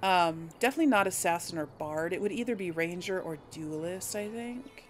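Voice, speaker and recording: Brisk and expressive, this woman's lowish voice carries casual, tentative game commentary as she thinks out loud. She's a gaming video host and player, and some background noise can be heard.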